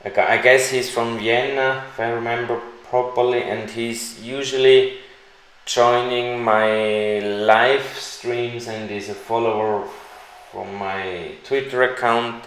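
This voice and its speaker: A man who is not a native English speaker, hosting a live stream Q&A and answering viewers in a slow, deliberate, halting way. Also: medium pitch, steady tone, a bit bright, a little hiss or hum. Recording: echoey room.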